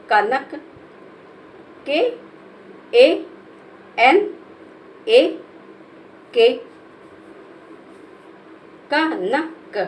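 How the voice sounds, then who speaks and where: Slow, patient woman teacher. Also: a little high, a bit bright, slight background noise, rough recording. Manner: patient, spells letters one by one, calls listeners "beta". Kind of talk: slow step-by-step children's lesson.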